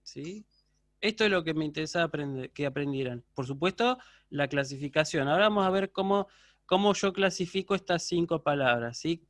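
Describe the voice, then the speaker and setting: A man's voice: on the high side, fairly quick, a bit bright, no echo, clean studio sound. A man teaching a university Greek class over a video call, patiently checking in with his students. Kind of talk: online lecture.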